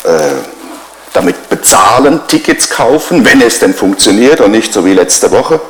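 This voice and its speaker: Middle-aged male pastor, lowish voice, chatty sermon full of rhetorical questions, roomy church sound. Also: expressive, a little slow. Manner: conversational, builds on repeated rhetorical questions.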